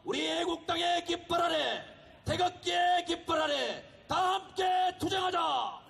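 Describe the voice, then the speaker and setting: High gravelly man shouting at a rally. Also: unhurried, slight background noise. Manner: shouting, fervent, exhorting the crowd. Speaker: political rally speaker. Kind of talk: fiery political rally speech. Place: outdoor street rally.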